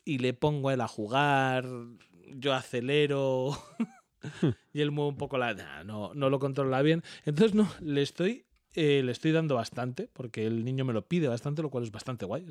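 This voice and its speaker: A man in his thirties with a Spanish accent from Spain, chatting casually as a podcast co-host, telling animated stories and swearing freely. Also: mid-range voice, normal speed, no echo, clean studio sound. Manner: animated storyteller, swears freely, imitates others. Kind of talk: casual chat among friends.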